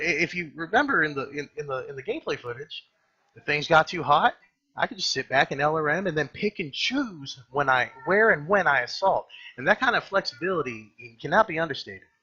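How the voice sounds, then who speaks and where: A man hosts a casual gaming review with a rough, husky edge to his forceful voice. He rambles and halts, correcting himself as he goes and dropping blunt slang. The microphone sound is slightly dull and lo-fi. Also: fairly high pitch. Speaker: gaming video host. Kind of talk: casual off-the-cuff game commentary and review.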